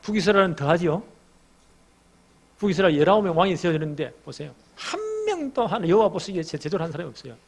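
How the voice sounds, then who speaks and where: A man's voice: high voice, expressive, fast, vocal fry, husky. A middle-aged male pastor preaching an expository sermon, telling the story vividly and asking the congregation questions.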